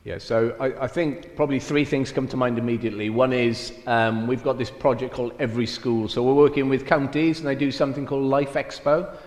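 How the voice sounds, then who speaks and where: Speaking briskly with few pauses, this middle-aged man from Wales has a mid-range voice and a level tone, plus an accent blending Welsh and Cockney. He is a mission field director being interviewed at church, self-deprecating and full of fillers, in a church hall that echoes with long reverb.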